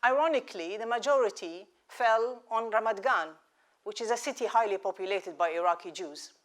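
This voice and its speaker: A woman in her sixties from Iraq, raised in Israel, telling her life story in a measured, reflective talk with rhetorical questions. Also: medium pitch. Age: 60s. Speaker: speaker at a live lecture event.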